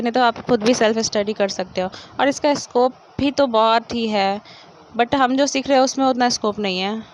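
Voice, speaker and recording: A young woman from India chatting casually to viewers about her studies, rambling and often trailing off into soft asides. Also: on the high side. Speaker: study vlogger. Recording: dull lo-fi phone audio with faint noise.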